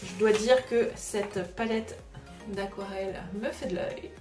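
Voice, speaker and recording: A woman's voice: medium pitch, measured pace, distant mic. Chatty woman unboxing in an echoey room. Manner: chatty, hesitant with frequent filler sounds. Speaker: craft vlogger host. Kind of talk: casual unboxing vlog. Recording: roomy echo, voice away from the mic, music behind. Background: background music.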